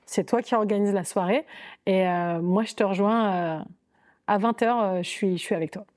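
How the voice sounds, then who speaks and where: A young woman telling her own dating story as a podcast guest, in a lively, chatty way with many fillers and quoted thoughts. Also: mid-range voice, moderate pace.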